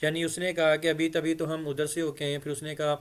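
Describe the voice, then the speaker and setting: A man teaches English phrases. He reads each English line slowly and carefully, then explains its meaning at length. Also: fairly high pitch, level tone, smooth.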